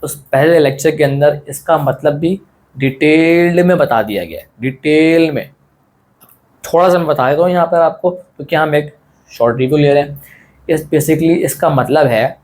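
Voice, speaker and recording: A man teaching an online lesson in a relaxed, friendly way, asking questions and answering them himself and often repeating his points. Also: on the high side. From South Asia. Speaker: Quran teacher.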